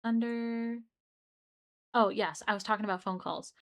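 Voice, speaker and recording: A woman's voice: mid-range voice, steady tone, normal speed. Chatty young woman streaming late at night. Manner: rambling and chatty, with frequent restarts and asides to chat. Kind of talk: casual livestream chat.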